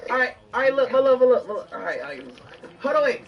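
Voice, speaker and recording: A man livestreaming in a casual chat, brash and excitable, repeating himself as he reacts. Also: extremely high pitch, quick pace, distant mic, lo-fi sound.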